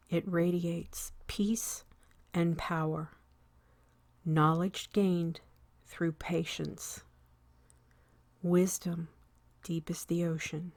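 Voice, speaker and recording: With a fairly low pitch and no echo, a woman softly narrates a scripted guided meditation. Her delivery is calm and measured, slipping often toward a whisper, with long gaps between short phrases.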